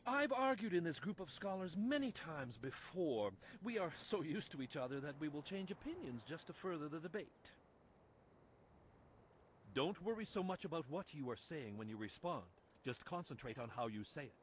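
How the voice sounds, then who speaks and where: A man's voice: a little high, sing-song, normal speed, slight background noise. A man voicing an eager, friendly scholar judge who talks with cheerful enthusiasm. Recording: dull lo-fi game audio.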